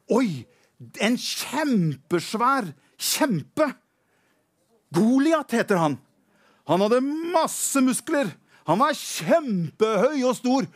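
A man preaching, retelling a Bible story in a lively, animated way. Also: high-pitched. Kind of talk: storytelling sermon.

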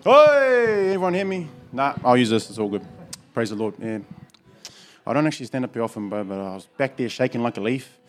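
A man's voice: medium pitch, very animated, fairly quick. A man with a broad New Zealand accent giving an informal church testimony in slangy, colloquial, matey speech. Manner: slangy and colloquial, often saying "bro".

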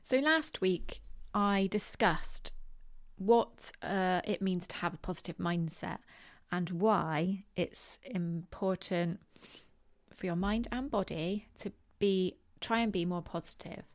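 A woman's voice: on the low side, takes it slowly. A woman from Bristol with a West Country English accent, hosting a podcast solo in a chatty, informal, hesitant way full of ums. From Bristol, southwest England. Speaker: podcast host. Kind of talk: casual solo podcast talk.

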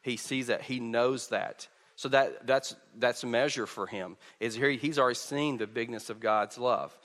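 A man's voice: mid-range voice, fairly bright tone, long reverb tail. Man preaching into a pulpit microphone. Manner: halting, repeats words, joking asides. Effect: speaking into a pulpit microphone. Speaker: pastor. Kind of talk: sermon with children's object lesson. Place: church sanctuary.

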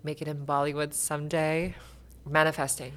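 A woman's voice: deep voice, moderate pace, a bit bright. A woman from Canada, a bubbly guest who laughs often in a casual podcast interview.

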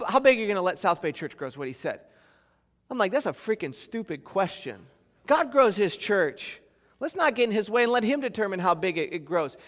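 A man preaching a sermon as pastor, telling stories with animated swings between loud emphasis and quiet asides. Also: sits high, long reverb tail.

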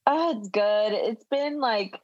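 A woman's voice: medium pitch, takes it slowly, a little mellow, no echo, highs cut off. A woman co-hosting a podcast, chatting in an easygoing way and laughing along with her friend. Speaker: podcast co-host. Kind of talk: casual chat.

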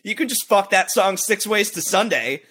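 A young man in loose, rambling podcast chat with a high voice that swings up and down a lot. His tone is bright and forceful. He swears freely and bursts into shouted quotes. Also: lively intonation, normal speed, slightly rough. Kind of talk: casual chat.

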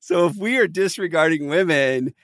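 A man hosting a conversational interview as a business coach, telling stories with animated delivery and frequent laughter. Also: on the high side, moderate pace, no echo, studio quality.

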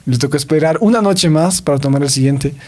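A man co-hosting a religious podcast, retelling a saint's story in a casual, animated way with quoted voices and many fillers. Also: fairly high pitch, fairly quick. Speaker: podcast co-host.

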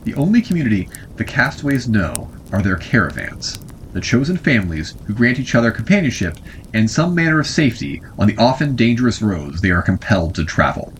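A man's voice: medium pitch, sing-song, brisk, a little hiss or hum, rough recording. A man hosting an audio horror show, giving a scripted, welcoming introduction. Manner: welcoming, announcing. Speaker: show host.

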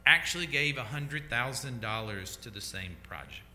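A man preaching a sermon as pastor, slow and deliberate, letting his voice fall to a hush at the ends of phrases. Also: medium pitch, animated. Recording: echoey church hall.

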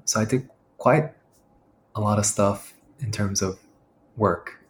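Reflective male pastor guest, lowish voice, slight hiss behind. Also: takes it slowly. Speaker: pastor and military chaplain. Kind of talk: podcast interview guest.

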